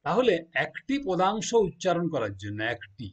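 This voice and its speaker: A man's voice: mid-range voice, very animated, measured pace, breathy edge, lo-fi sound. A man teaching a lesson, spelling words out letter by letter and answering his own questions. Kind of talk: explaining a lesson to students.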